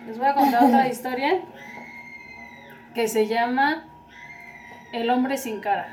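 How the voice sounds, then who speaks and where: A woman's voice: a little high, fairly even intonation, moderate pace, over music. A woman in casual podcast chat, telling a story and reading it aloud to friends.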